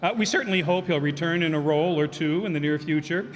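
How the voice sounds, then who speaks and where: A fast-talking man with a fairly high voice gives the curtain-call speech thanking cast and crew, rambling with fillers and self-corrections. He's the host and a cast member of a community radio theater group, speaking before an audience in a live hall that's reverberant with faint background noise.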